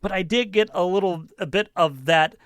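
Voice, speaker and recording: A man's voice: high-pitched, moderate pace, fairly bright tone, clean tone, dry recording, studio quality. A man of fifty with a Michigan accent tinged by Western Pennsylvania, hosting a podcast in a chatty, self-mocking way, slightly nasal. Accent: Michigan, with a touch of Western Pennsylvania. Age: 50s. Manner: chatty and self-mocking, acts out remembered talk. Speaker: podcast host. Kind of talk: casual solo commentary.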